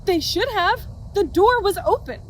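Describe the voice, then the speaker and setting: Actress as blunt sardonic burglar for hire, woman, high animated voice, confrontational drama dialogue. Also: measured pace, a little hiss or hum. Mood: angry, sardonic. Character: blunt, fed-up female hired burglar demanding pay. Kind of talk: naturalistic audio drama dialogue.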